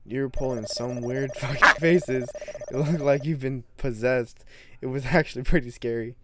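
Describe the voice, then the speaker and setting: A man's voice: mid-range voice, steady tone, normal speed, background noise, natural voice. A man reading a teasing older sister. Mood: amused. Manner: teasing, breezy. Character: teasing, easygoing older sister, a young woman.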